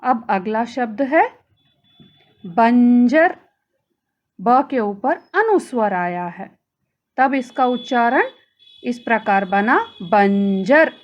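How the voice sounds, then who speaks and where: Female teacher, slightly high voice, careful lesson delivery for kids. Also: expressive. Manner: slow, careful, addresses children directly. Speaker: Hindi teacher. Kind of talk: recorded grammar lesson for children.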